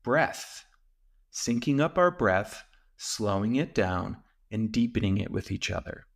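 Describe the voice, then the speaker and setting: A man hosting a solo talk show, calmly explaining ideas and slowing down to stress key points. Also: fairly low pitch, vocal fry. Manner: calm and explanatory, with slow emphatic stretches. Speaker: podcast host and men's coach.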